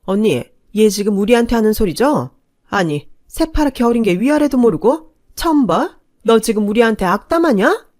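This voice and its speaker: A woman's voice: a little high, big pitch swings, moderate pace, a little mellow, no room sound, studio quality, voice pushed up. A woman voicing a haughty middle-aged aunt who sneers and rebukes in a storybook tale. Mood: indignant. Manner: sneering, indignant.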